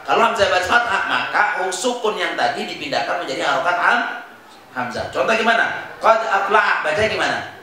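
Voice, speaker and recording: Brief: male Quran teacher from Indonesia, bright, drilling recitation, booming echoey hall. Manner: quizzing questions, then chanting examples slowly. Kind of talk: recitation lesson with call-and-response. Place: Islamic boarding school hall. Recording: very echoey room, faint noise.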